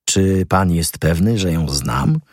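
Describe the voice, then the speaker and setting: A man's voice: low-pitched, lively intonation, takes it slowly, darkish tone, dry recording, studio quality, heavily acted. A man voicing a defiant, fervent young male student in an audiobook reading, speaking boldly and stubbornly. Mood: wary. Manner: bold, stubborn, rising with passion.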